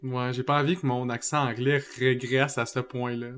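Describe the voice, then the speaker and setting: Joking Quebec French podcast host. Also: male voice, mid-range voice, normal speed, crowd noise. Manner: laughs often, relaxed joking. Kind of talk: casual podcast chat.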